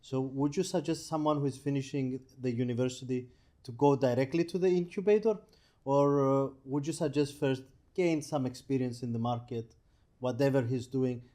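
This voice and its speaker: Man co-host asking deliberate questions. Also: medium pitch, steady tone, warm tone. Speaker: podcast co-host. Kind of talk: conversational interview.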